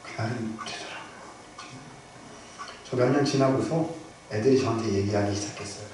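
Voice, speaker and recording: A male pastor preaching a storytelling sermon, moving between loud bursts and hushed near-whispers. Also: lowish voice, moderate pace. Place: church sanctuary. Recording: very echoey hall, from far off, noisy.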